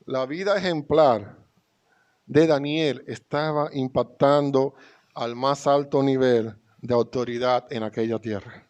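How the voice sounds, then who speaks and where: A man's voice: medium pitch, measured pace, a little mellow. A man with a Dominican Spanish accent preaching a sermon to his congregation, reading scripture aloud with rising emphasis. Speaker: pastor.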